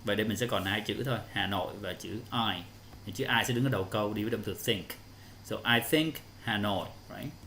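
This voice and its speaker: A man's voice: on the low side, fairly quick, pushed and bright, slight background noise. A male English teacher, explaining answers step by step to children in an online lesson.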